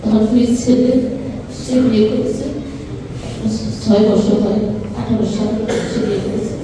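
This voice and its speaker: A woman's voice: mid-range voice, fairly even intonation, a little slow. A middle-aged Bangladeshi woman giving personal testimony as a bereaved mother. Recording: echoey hall, far mic, noisy.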